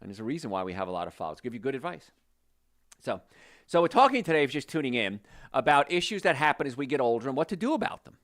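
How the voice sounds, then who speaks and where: Lively-voiced man from New Jersey hosting. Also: mid-range voice, racing. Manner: animated, conversational, direct to listeners. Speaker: health show host. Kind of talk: promotional health podcast talk.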